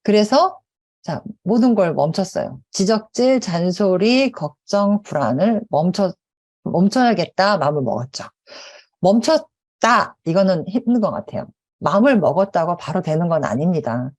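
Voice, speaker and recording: A middle-aged woman talks to a conference audience, acting out the people in her stories. Her voice is a little low and warm, and it rises and falls a lot. She tells her stories with animation. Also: moderate pace. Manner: animated storytelling with acted quotes. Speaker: conference speaker. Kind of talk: conference talk. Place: conference hall.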